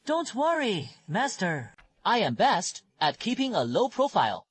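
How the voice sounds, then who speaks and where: A dutiful, confident young disciple in an anime dub. The voice is husky and moves around a lot in pitch. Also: male voice, wildly swooping pitch, unhurried, full character voice. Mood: eager, confident.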